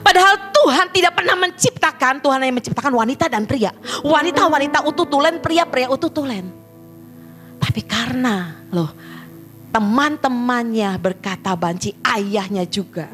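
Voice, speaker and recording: A woman pastor preaching a sermon in an animated way, often turning to address the congregation directly. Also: high-pitched, normal speed, soft background music.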